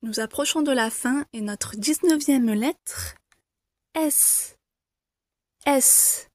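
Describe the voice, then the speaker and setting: A woman teaching the alphabet to beginners, saying each letter slowly and clearly, repeating it and reassuring learners. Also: a little high, darkish tone, dry recording. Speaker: French teacher. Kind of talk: slow, careful pronunciation lesson.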